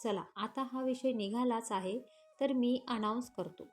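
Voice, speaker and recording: A woman's voice: fairly high pitch, a little slow, natural voice. A woman voicing a stern young male company boss who speaks in commanding tones.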